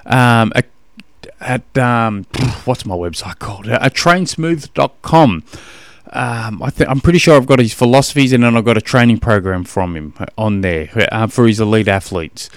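A man's voice: medium pitch, moderate pace, clear, resonant tone, dry recording. A man hosting a podcast, giving coaching advice in a rambling, matey way full of fillers. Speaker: podcast host and running coach. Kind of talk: casual monologue answering a listener question.

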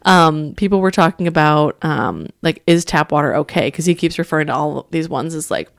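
A woman's voice: deep voice, brisk, creaky, no room sound, clean studio sound. A woman chatting casually as a podcast co-host, giggly and filling her talk with "like" and "um". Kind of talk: casual chat.

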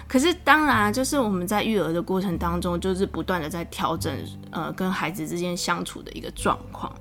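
A woman with a Taiwanese Mandarin accent talks about her young son in a chatty, animated way. She laughs often, and her voice climbs when she gets exasperated. Soft music plays faintly in the background. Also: mid-range voice. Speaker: podcast host, mother. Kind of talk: casual storytelling monologue.

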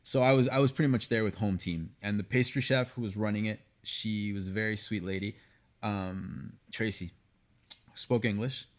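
A man, a pastry chef, talking candidly in a casual podcast conversation, animated, cursing freely and often restarting his sentences. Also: fairly low pitch, moderate pace. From United States, raised partly in Venezuela.

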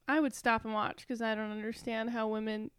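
Female podcast co-host, high and smooth voice, giggly casual chat. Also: little pitch movement, brisk, no echo. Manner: giggly, laughs often while talking.

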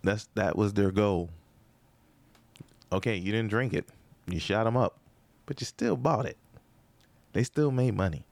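A man's voice: fairly low pitch, a little slow, creaky, long pauses, darkish tone, no room sound. A man, a comedian hosting his own podcast, rambling through a comedic monologue with sarcastic asides and rhetorical questions.

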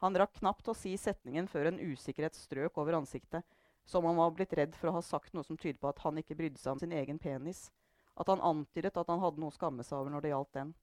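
A woman reading a novel aloud in measured narration. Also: sits low, darkish tone, no echo, clean studio sound. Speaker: reader. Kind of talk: book reading.

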